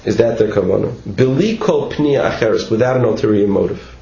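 A man with a lowish, mellow voice and some vocal fry speaks a little fast while teaching a Torah class, reading passages and explaining them informally. He repeats words and keeps asking "right?", and the echoey room gives a dull lo-fi recording with faint noise.

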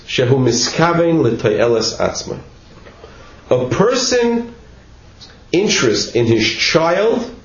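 A man teaching a text study class, reading passages and explaining them in an informal way, often asking "right?". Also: mid-range voice. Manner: informal, repeats words, asks "right?" often. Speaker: teacher giving a Torah class. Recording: echoey room, dull lo-fi with faint noise.

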